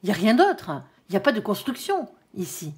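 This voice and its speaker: A woman talks viewers through a tarot spread in a relaxed, conversational way, tagging her phrases with "hein". Her voice sits at a middling pitch but swoops up and down in an animated melody. She now and then trips over a word and carries on. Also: a little fast. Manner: frequent tag "hein", conversational and reassuring; stumbles over words. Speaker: tarot card reader. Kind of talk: tarot reading addressed to viewers.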